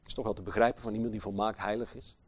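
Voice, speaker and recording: A man preaching a sermon with passion, swinging from hushed, slow phrases to loud, emphatic outbursts and asking his listeners rhetorical questions. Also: lowish voice, level tone, slightly rough, no room sound.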